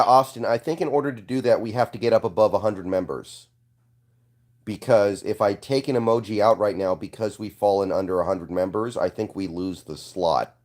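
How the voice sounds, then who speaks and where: A young man responds casually to comments on his live stream, sounding offhand, hoarse, and congested, and repeatedly clearing his throat. His voice is lowish with a darkish tone.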